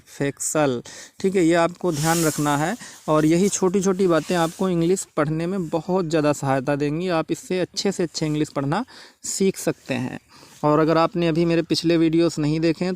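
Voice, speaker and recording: A man's voice: a little high, no echo. A man teaching English pronunciation in a repetitive lesson style, checking often that students follow. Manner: repetitive, checks understanding with frequent "theek hai". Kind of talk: classroom-style spoken lesson.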